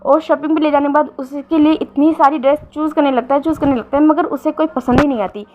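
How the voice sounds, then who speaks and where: A woman casually retelling a romance fan story, often pausing with fillers and correcting herself. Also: high voice, steady tone, highs cut off, noisy background. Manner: frequent fillers and self-corrections.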